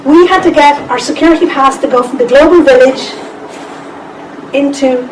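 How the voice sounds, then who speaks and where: An Irish woman with a fairly high voice gives a seminar presentation at normal speed in a lecture room. As a conference speaker, she's lively and chatty, tossing asides to the audience. The mic is distant, the room echoes, and there's background noise.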